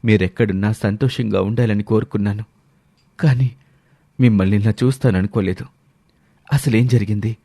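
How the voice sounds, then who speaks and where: A man's voice: fairly low pitch, fairly even intonation, moderate pace, long pauses, warm tone, dry recording. A man voicing a loyal, devoted young man in a storybook drama, speaking earnestly and respectfully. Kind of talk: storybook voice acting.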